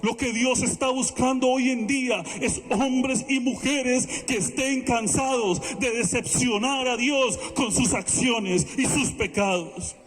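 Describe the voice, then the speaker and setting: A middle-aged man preaching a sermon, earnest and prayerful, speaking in measured phrases. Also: extremely high pitch, in a large hall, soft background music. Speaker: pastor.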